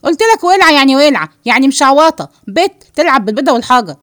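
A woman voicing a brash, defiant young woman with an Egyptian accent, shouting and sharp-tongued in a read-aloud play. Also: high-pitched, expressive, rapid-fire, dry recording, clean studio sound.

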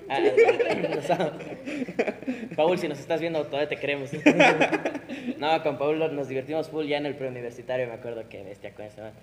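A young man, hosting a casual podcast chat with friends, relaxed and teasing. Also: a little high, a little fast, long reverb tail, a crowd in the background. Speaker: podcast host asking questions.

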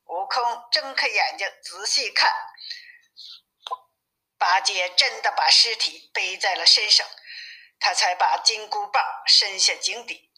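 A woman reading a classic storybook aloud, with expressive, steady narration. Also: mid-range voice, unhurried, poor audio.

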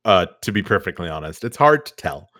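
A man's voice: low voice, very animated, a bit bright, dry recording, clean studio sound. A man hosting a podcast, reacting to clips with mocking, incredulous commentary. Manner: incredulous, mocking, quick asides. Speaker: podcast host. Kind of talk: sarcastic commentary.

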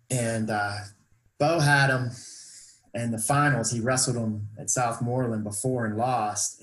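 A man who coaches wrestling, telling stories in an emphatic, animated way during a casual chat. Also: mid-range voice, reverberant, poor audio.

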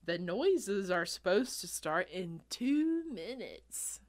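A woman's voice: medium pitch, sing-song, takes it slowly. A woman voicing a nervous boy ghost-hunter who stammers and shakes, reading a storybook aloud. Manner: shaky, stammering.

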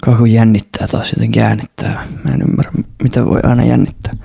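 Gravelly-voiced young man, swearing casually. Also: mid-range voice, level tone, warm tone, no echo, clean studio sound. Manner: rambling, swears a lot, self-deprecating. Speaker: podcast host. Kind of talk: casual solo podcast monologue. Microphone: studio mic close up.

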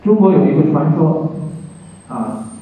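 A man's voice: fairly high pitch, very animated, measured pace, warm tone. A man teaching a classroom philosophy lesson, explaining patiently and often asking rhetorical questions. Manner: explains patiently, asks rhetorical questions, acts out story voices. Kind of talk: classroom lecture. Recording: echoey room from far off, faint noise.

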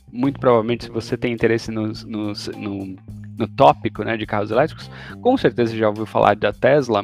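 A man's voice: medium pitch, creaky. A man with a Brazilian Portuguese accent co-hosting a casual podcast, explaining things informally with frequent tag questions. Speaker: podcast co-host.

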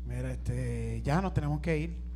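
A man hosting a show, relaxed and joking, with a gravelly voice. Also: medium pitch, moderate pace, crowd noise. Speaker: show host. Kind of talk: casual chat. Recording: loud music behind.

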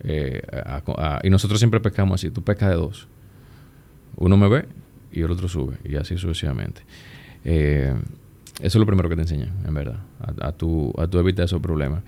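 A man with a Dominican accent, chatting as a guest and telling stories in a relaxed, easygoing way. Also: low voice, a little fast, vocal fry. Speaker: guest, plastic surgeon. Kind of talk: casual conversation.

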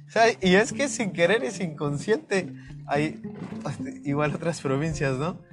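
A man's voice: fairly high pitch, measured pace. A young Mexican man with a Mexican accent chatting casually as a podcast host, rambling and slangy, with lots of fillers. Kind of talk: casual chat. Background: guitar music.

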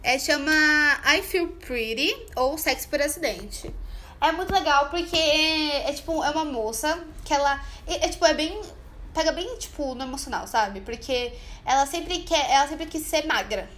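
This young woman co-hosts a podcast, chatting casually to recommend a film. Her voice is high and fairly bright, moving at a moderate pace, loose and full of fillers as she acts out bits of dialogue.

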